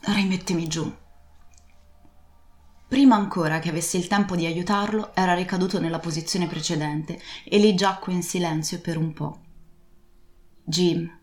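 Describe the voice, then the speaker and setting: A woman narrating a story in a calm, measured way. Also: lowish voice, reverberant. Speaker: audiobook narrator. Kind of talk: storybook reading.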